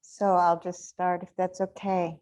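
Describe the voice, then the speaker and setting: A woman's voice: lowish voice, little pitch movement, unhurried, darkish tone. A woman who is not a native English speaker, opening a talk as a guest artist in an easygoing, chatty way. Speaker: guest artist and workshop leader. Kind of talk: relaxed informal talk.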